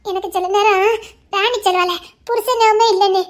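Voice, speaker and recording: A woman's voice: very high-pitched, steady tone, moderate pace. A woman acting as a playful, giggly young wife bantering with her husband. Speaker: actor in a romantic couple skit. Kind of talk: acted romantic dialogue.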